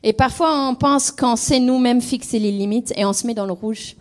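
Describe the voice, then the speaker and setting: A woman's voice: a little high, normal speed. Thoughtful woman with an English accent. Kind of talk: conversational teaching talk.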